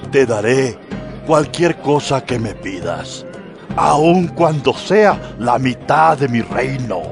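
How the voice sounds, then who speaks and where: A man's voice: medium pitch, lively intonation, slow pace, gravelly, music in the background. An actor playing a proud, troubled king in a Bible drama, speaking in a grave, regal manner. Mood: grand, generous.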